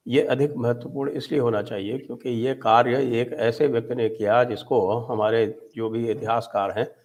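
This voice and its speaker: A man asking formal interview questions in a measured way. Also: medium pitch.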